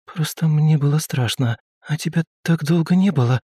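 Guy putting on a scared young noble girl, raised pitch, soft hushed whisper, slow and unsure, dark dry audiobook voice. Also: dry recording, natural voice. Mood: anxious whisper. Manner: hushed, uncertain, breathy. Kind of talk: audiobook character voice.

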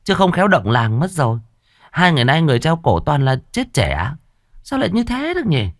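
A man's voice: a little high, wildly swooping pitch, fairly quick, no room sound, clean studio sound, pitched above the performer's own voice. A man voicing an indignant villager gossiping about deaths in a ghost story.

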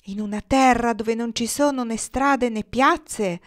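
A woman reader gives a cheerful, firm young boy riding with the geese, in a raised storybook voice. He calls out his replies slowly and loudly in a sing-song refrain. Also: fairly high pitch, voice pushed up, lightly acted. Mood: calling, firm.

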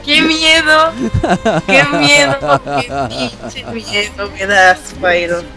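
A woman's voice: high voice, slow pace, vocal fry, over loud music. A woman guest on a podcast, chatting in a playful, affectionate way. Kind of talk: casual chat.

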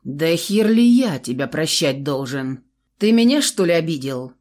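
A menacing young tough, as a woman reading a story puts him on, speaking slowly and coldly in a low-set voice. His threats come out blunt and coarse, with a lively rise and fall. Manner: slow, cold, threatening.

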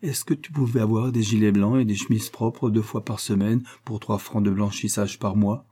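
A man's voice: fairly low pitch, steady tone, moderate pace, dark tone, slightly rough. A man voicing a young woman in love, reading her lines with impassioned, breathless devotion in an audiobook. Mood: ardent.

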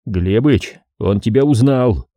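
A man's voice: medium pitch, dry recording. A man reading a cool-headed captive. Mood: hurried. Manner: hurried, flat. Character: cool-headed male captive, quick-witted. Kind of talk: audiobook character reading.

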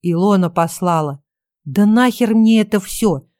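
Женщина изображает скулящего мужчину-фотографа. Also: female voice, medium pitch, a little slow, mellow, no room sound, studio quality, lightly acted. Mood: indignant. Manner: whining, sputtering complaints. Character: scared indignant male photographer, whiny and cornered.

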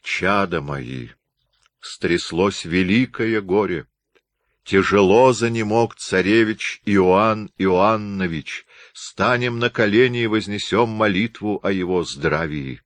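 A man voicing an elderly metropolitan who proclaims slowly with a trembling voice. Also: lowish voice, a bit bright, dry recording. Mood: solemn. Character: elderly male metropolitan, solemn churchman.

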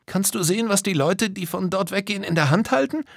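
A man's voice: lively intonation, brisk, vocal fry, no echo, clean studio sound, full character voice. A man doing an eager little girl. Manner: high, urgent. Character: curious, eager young girl.

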